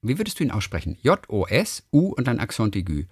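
A man hosts a relaxed podcast and reads listener mail aloud, stumbling and restarting as he goes. His voice swings widely up and down as he tells the stories. The recording is close and dry, with no room sound. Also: medium pitch, quick pace, breathy edge, dry recording. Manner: lively, animated storytelling with many restarts. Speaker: podcast host. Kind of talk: reading listener mail in casual chat.

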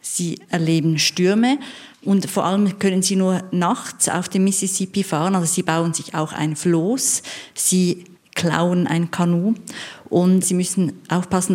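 A woman's voice: fairly low pitch, steady tone, moderate pace, a little mellow. A woman explaining a novel in a matter-of-fact way in a radio book discussion. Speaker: book critic.

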